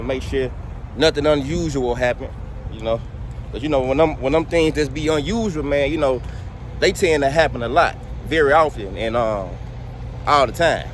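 A man, a truck driver vlogging in a relaxed, slangy way, repeating himself as he talks through his work. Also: medium pitch. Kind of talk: casual vlog narration. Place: outdoors at a truck yard and inside a truck cab. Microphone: headset mic. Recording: outdoor vehicle noise.

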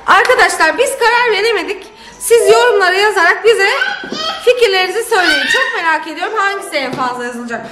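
A woman's voice: extremely high pitch, animated, fast talker, roomy sound, very noisy. A woman in a casual family vlog, cheerfully coaxing her kids and pets. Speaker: mother and family vlogger.

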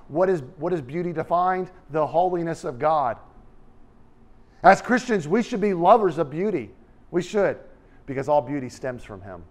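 Animated middle-aged male preacher. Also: fairly high pitch. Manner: animated, gesturing, swings from loud emphasis to quiet asides. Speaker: pastor. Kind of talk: sermon. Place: church hall with stage.

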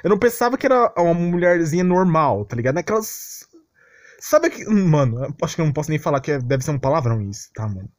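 This young Brazilian anime vlogger is very animated, talking at a quick clip in a higher-than-average voice as he complains and rants casually with plenty of slang. The sound is clean studio quality with no room sound.

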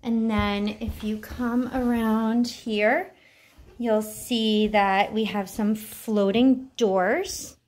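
Slow-talking mother giving a home tour. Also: on the high side, fairly even intonation, a little mellow. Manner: unhurried, cheerful tour-guide talk. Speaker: parent filming a tour. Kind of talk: casual home video narration. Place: living room at home. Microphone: handheld camera.

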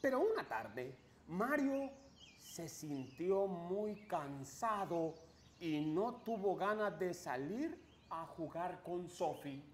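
A man's voice: high voice, animated, takes it slowly, reverberant, slight background noise. A middle-aged man playing a cheerful, childlike clown host of a kids show, speaking in an exaggerated, wide-eyed, theatrical way. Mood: storytelling. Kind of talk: kids show host, animated story reading.

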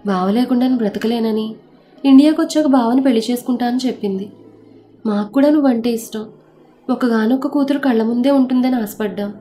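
A woman voicing a guilty middle-aged father-in-law who defends himself and pleads, in a mellow, fairly high voice. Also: lightly acted.

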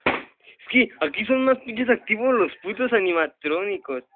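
A man's voice: high-pitched, lively intonation, a little slow, background noise. A young man with a Mexican Spanish accent commentating a horror game, swearing nonstop and yelping in panic. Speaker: gamer host. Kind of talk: let's play commentary. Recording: tinny lo-fi phone recording.

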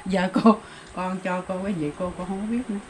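A woman's voice: fairly low pitch, fairly even intonation, brisk. An older woman with a Southern Vietnamese accent, rambling through her story in plain, exclamation-filled talk. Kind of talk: casual rural storytelling. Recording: noticeable background noise.

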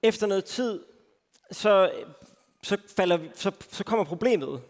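On a festival stage, a high-voiced man from Denmark preaches a sermon built on his own faith story, informal and self-deprecating and filled with fillers. His voice rings with a long hall reverb.

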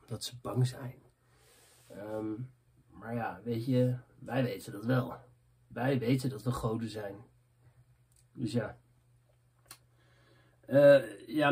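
Husky young man, loose rambling vlog chat. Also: medium pitch, a little mellow. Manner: loose, rambling, drops "man" and "weet je" often. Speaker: vlogger answering viewer messages. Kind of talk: casual chat.

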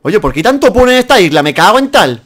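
A man's voice: high-pitched, quick pace. A man from Spain hosting a casual game video, joking and bantering with a friend. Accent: Spanish (Spain). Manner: animated, loud laughing, joking. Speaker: gamer host. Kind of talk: casual let's play banter.

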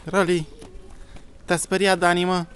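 A man filming a casual walk outdoors with his small child, softly coaxing and calling to a shy dog. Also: high voice, level tone, clean tone. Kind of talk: casual vlog talk.

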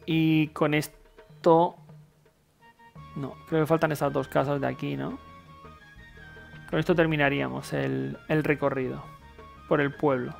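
A man's voice: fairly high pitch, flat delivery, a little slow, vocal fry, long pauses. A man with a Castilian Spanish accent giving casual gameplay commentary, informal and thinking aloud. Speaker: video game player and commentator. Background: game music.

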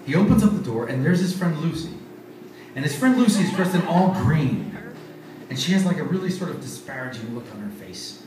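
A man on a bar stage telling a joke to a live audience, chatty and animated, acting out each character's voice. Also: fairly high pitch, brisk, background noise. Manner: animated, conversational, acts out each voice. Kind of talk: live stand-up storytelling. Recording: echoey bar from a distance, faint crowd. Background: faint bar ambience.

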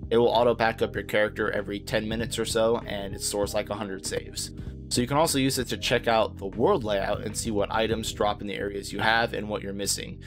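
A man's voice: on the low side, fairly even intonation, a little fast, over music. A man narrating a casual video game guide as host, informal, easygoing and reassuring in how he talks.

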